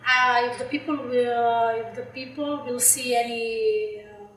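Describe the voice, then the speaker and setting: This young adult woman, an interviewee working on her PhD, has a Slovenian accent and answers in English with frequent fillers and restarts. Her fairly high, slightly bright voice stays steady and unhurried. The mic is far away in an echoey room.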